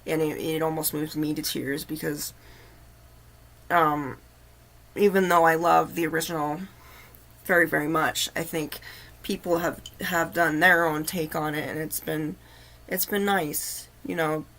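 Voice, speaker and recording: Woman, livestream host, low-pitched, earnest halting storytelling. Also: fairly even intonation, a bit bright. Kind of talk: casual storytelling.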